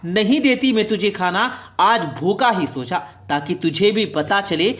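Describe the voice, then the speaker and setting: A woman's voice: medium pitch, close to an everyday voice. A woman voicing a grieving old mother in a storybook tale, who scolds and pleads through tears. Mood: angry.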